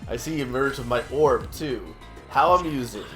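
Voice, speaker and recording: A man's voice: medium pitch, lively intonation, normal speed, fairly bright tone, soft background music, close to an everyday voice. A man voicing a pompous, gloating mad scientist villain from a video game, with theatrical threats in a panto villain manner. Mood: pompous, menacing. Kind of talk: acting out video game dialogue.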